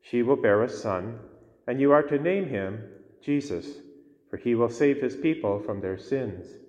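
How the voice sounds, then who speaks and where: A man preaches from the altar, his mid-range voice steady and deliberate, with pauses between phrases. The cathedral echo hangs after every line, a long reverb filling a large stone church. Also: mid-range voice. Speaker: priest. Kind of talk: gospel reading and homily.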